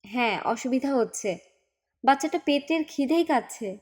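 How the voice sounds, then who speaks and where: A woman's voice: high voice, lively intonation, moderate pace, darkish tone, slightly rough. Woman reading as an earnest young uncle. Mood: pleading, firm. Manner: pleading yet firm.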